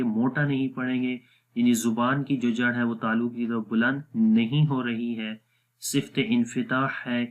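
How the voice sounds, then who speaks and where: Slow, patient man teaching pronunciation. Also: medium pitch. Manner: drawn-out demonstrative pronunciations of letters. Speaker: Quran recitation teacher. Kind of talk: slow explanatory lesson.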